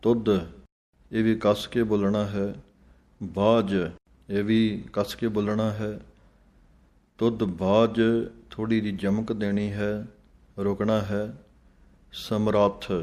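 Recitation teacher, male, low-pitched, unhurried and methodical, chants lines then breaks down pronunciation. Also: darkish tone. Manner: slow, measured, chants lines then explains each word. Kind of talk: slow pronunciation lesson on scripture.

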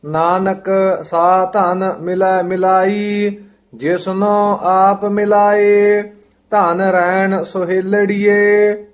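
A man reciting scripture line by line for a teacher, in a measured, chant-like reading. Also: high voice, level tone.

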